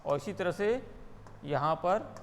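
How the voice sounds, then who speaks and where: High-voiced Rajasthani man teaching grammar. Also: slow, long reverb tail, a little hiss or hum. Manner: explains step by step, asking and answering his own questions. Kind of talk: Hindi grammar lesson.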